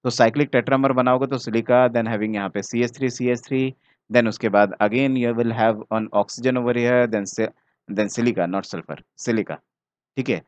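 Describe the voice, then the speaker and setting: A man's voice: mid-range voice, dry recording. Indian male teacher explaining step by step. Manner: explains step by step, mixing English terms into Hindi; talks directly to the student, often checking "ठीक है ना". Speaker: chemistry teacher. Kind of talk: exam solution walkthrough. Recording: dry, slightly dull mic sound.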